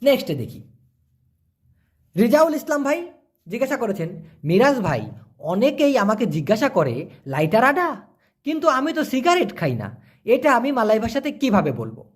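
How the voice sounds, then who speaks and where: A man, answering viewer questions in a casual spoken lesson and repeating words slowly for learners. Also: very high-pitched, wildly swooping pitch, breathy edge.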